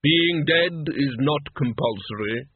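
A man voicing Death, slow solemn skeleton, tinny sound. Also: on the high side, animated, slightly rough, no echo, exaggerated voice. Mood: solemn, commanding. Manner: slow, measured, pompous. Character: Death, ancient male skeleton reaper, solemn and imperious.

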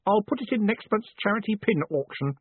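A man's voice: high-pitched, expressive, fairly quick, husky, pitched above the performer's own voice. A man doing a chirpy, eager young man. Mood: cheerful. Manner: bright and chirpy. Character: cheerful odd young man, eager and simple. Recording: dry, phone-like narrow band.

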